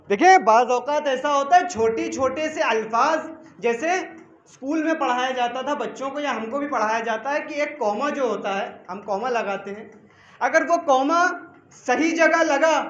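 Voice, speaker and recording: A man preaching a sermon at a religious gathering, repeating phrases for emphasis, reciting Arabic verses and rising to shouts. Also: very high-pitched. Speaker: cleric preaching at a majlis. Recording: echoey hall, muffled lo-fi sound.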